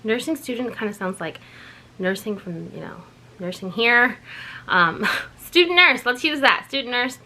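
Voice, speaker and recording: A woman in her thirties talks casually to her vlog viewers about her work as a labor and delivery nurse. Her voice is bright and sits a little high for a woman. She rambles cheerfully, corrects herself often, and sounds tired after a night shift. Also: expressive, measured pace, slight background noise. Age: 30s. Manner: chatty, rambling, self-correcting.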